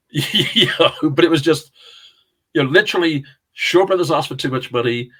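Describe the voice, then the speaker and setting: With a fairly high, husky voice that sounds pushed and bright, this middle-aged man speaks at a moderate pace. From England and carrying a South London accent, the casting director and actor chats casually as an interview guest, rambling through film-industry anecdotes with plenty of laughter and the occasional swear word.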